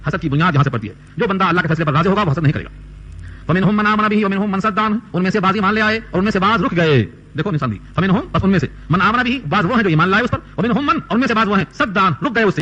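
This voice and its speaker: A man's voice: high-pitched, pushed and bright. A man giving a Quran commentary lecture, reciting Arabic verses and explaining them line by line, asking questions and answering them himself. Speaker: Quran teacher. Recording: dull lo-fi recording.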